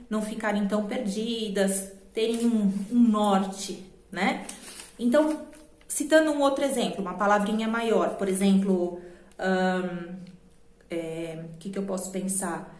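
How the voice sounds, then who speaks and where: A woman with a Brazilian Portuguese accent teaching a children's grammar lesson, patiently slowing down to spell out letters and syllables. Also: mid-range voice. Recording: echoey room.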